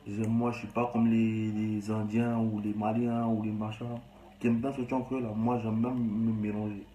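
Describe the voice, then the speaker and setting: A man's voice: lowish voice, flat delivery, normal speed, warm tone, roomy sound, a little hiss or hum, rough recording. A young man with a Cameroonian accent talks bluntly and rambles in a casual, slangy monologue. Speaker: vlogger.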